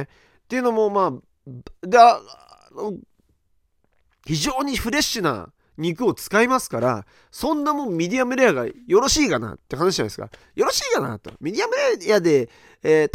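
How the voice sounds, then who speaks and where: Lively middle-aged man hosting a podcast. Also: high voice, no echo, clean studio sound. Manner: animated storytelling, acting out others' reactions; loose and rambling, with many fillers. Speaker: podcast host. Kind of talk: casual podcast chat.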